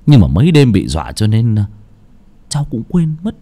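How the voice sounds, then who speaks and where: Audio storybook: narrator doing a gruff village man, barking and scolding. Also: lowish voice, wildly swooping pitch, moderate pace, exaggerated voice. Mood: uneasy. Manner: gruff, shouting when scolding.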